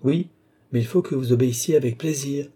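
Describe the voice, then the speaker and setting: A man's voice: medium pitch, fairly quick, mellow, breathy edge, pitched above the performer's own voice, natural voice. A man reading an audiobook, playing a vain, scheming old baron who talks with irony and cool command. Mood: ironic. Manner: ironic, coaxing, commanding.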